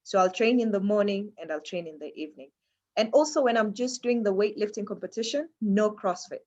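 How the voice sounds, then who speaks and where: A woman's voice: mid-range voice, fairly quick, darkish tone, dull audio. A woman from Kenya with a Kenyan accent, talking casually and chattily as an athlete being interviewed, often repeating phrases for emphasis.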